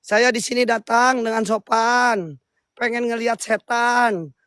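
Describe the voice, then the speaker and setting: A young man hosting a ghost-hunt vlog in a forest at night, calling out loudly and bantering in slang with his crew. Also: extremely high pitch, fairly even intonation, a little slow, dry recording, studio quality. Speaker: ghost-hunting vlogger.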